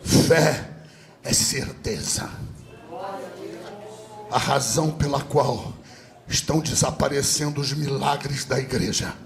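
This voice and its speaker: Man, Brazilian Portuguese accent, Pentecostal preacher, slow deliberate delivery, gravelly voice, shouted sing-song peaks. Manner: swings between loud shouted sing-song and low intimate teaching. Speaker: pastor. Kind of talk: Pentecostal sermon. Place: rooftop church service.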